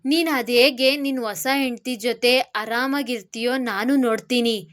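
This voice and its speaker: A jealous young wife who fakes her tears, voiced by a woman narrator. Her high voice pleads shrilly and theatrically, like a storybook melodrama. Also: fairly even intonation, moderate pace, fairly bright tone, lightly acted. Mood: melodramatic.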